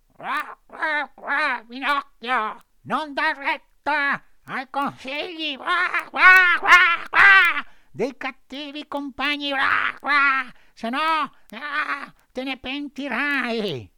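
A shrill squawky little bird, very high, cawing warnings. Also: male voice, very slow, gravelly, bright, forceful tone, no room sound, studio quality, full character voice. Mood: urgent. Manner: squawking, repeating calls. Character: tiny shrieking blackbird, warning.

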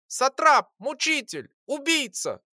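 A tiny winged creature, a she-sprite with a shrill, squeaky voice, yelling her indignation in high, piercing bursts that leap all over the place, as an audiobook reader puts her on. Her tone is bright and sharp, recorded close and dry. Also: very animated, slow pace, no echo, exaggerated voice. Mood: furious. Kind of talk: audiobook character voice.

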